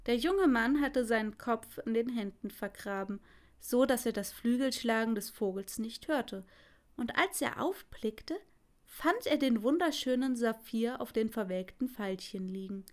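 A woman narrating a fairy tale in a calm, measured storytelling manner. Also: a little high.

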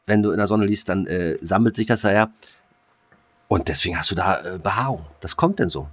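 A low-voiced man talks fairly quickly on a dry recording as he co-hosts a joking podcast chat. He rambles, full of ums, fillers, and restarts.

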